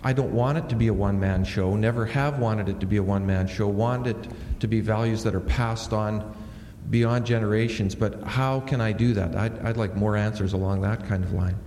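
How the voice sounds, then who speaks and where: Earnest, dark-voiced minister in an echoey hall. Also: male voice, lowish voice, normal speed. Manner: reflective, earnest, thinks aloud with restarts. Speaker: senior minister. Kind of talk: panel discussion. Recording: echoey hall with faint noise.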